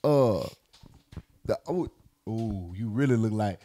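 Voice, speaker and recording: Animated, gravelly podcast host man. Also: mid-range voice, moderate pace. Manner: animated, joking, laughs often. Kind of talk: casual podcast banter.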